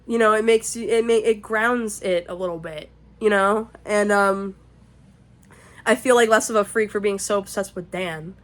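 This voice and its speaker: A woman vlogging at home in casual chat, rambling and excitable, swearing freely, sometimes dropping to a shaky whisper. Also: medium pitch, normal speed. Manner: whispering to keep quiet. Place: home, indoors.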